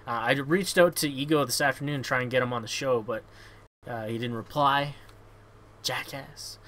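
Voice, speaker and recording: A man's voice: mid-range voice, normal speed, bright, forceful tone. A man hosting a casual gaming podcast, blunt and sweary, often repeating words as he goes. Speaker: show host.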